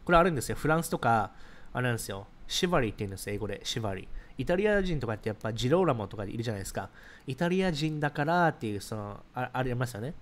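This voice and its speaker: A man in his thirties talks quickly and casually on a livestream, answering viewer comments as they come in. His pitch is mid-range and he moves briskly from one point to the next, explaining as he goes. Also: lively intonation. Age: 30s. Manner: rapid, chatty, explains ideas while reacting to comments.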